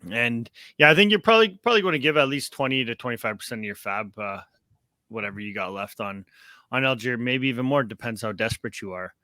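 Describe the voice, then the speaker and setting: A man's voice: medium pitch, lively intonation, fast talker, pushed and bright, no echo, clean studio sound. A young man hosting a casual sports podcast, upbeat and rambling with plenty of fillers. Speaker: podcast host.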